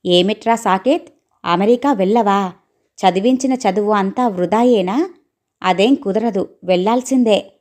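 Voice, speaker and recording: A woman's voice: mid-range voice, measured pace, a little mellow, close to an everyday voice. A woman voicing a proud aging father in a read-aloud storybook, speaking firmly and brusquely. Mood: stern. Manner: firm, brusque.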